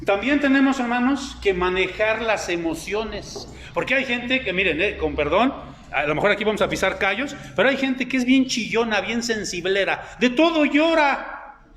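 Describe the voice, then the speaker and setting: A man's voice: high voice, animated, moderate pace, fairly bright tone, a little hiss or hum. A middle-aged man preaching a sermon over slides, in a conversational way full of fillers and rhetorical questions. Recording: echoey room.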